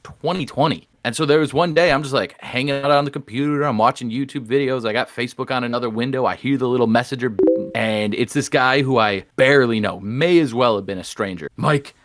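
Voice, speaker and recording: A young man co-hosting a podcast, telling animated anecdotes in casual chat. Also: mid-range voice, quick pace, hardly any pauses, no room sound. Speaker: podcast co-host.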